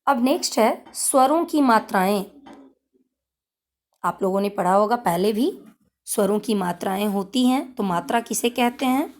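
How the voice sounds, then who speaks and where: A woman teacher explaining a grammar lesson to children, repeating key points in a deliberate way. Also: medium pitch, expressive. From India. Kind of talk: slow classroom lesson explanation.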